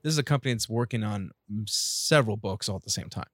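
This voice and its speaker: A man co-hosting a casual podcast, relaxed and agreeable, often saying "yeah" and "listen". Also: lowish voice, quick pace, dry recording, clean studio sound. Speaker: podcast co-host and author.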